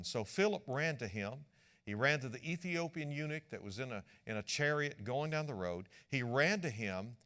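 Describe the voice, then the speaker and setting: Animated preaching man, lively pitch. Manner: animated preaching, repeats words and acts out quoted speech. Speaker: pastor. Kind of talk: sermon.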